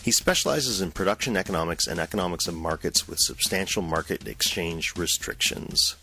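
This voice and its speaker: A man hosting an interview podcast, talking in a relaxed, chatty way with many restarts. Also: low-pitched, brisk, a little hiss or hum. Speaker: podcast host. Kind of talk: conversational interview.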